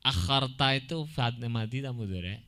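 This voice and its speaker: A man teaching an Arabic grammar lesson, explaining slowly, chanting Quranic examples and slipping into asides. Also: mid-range voice, bright, forceful tone. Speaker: religious teacher.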